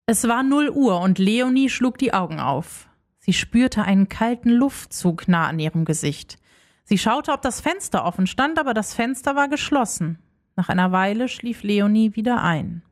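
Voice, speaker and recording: A woman narrating a children's story in an expressive storybook reading. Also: fairly high pitch. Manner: expressive, lively.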